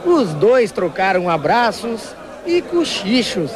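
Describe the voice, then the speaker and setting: A man from Brazil narrating a sports news report in a steady, measured way. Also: sits high, crowd noise.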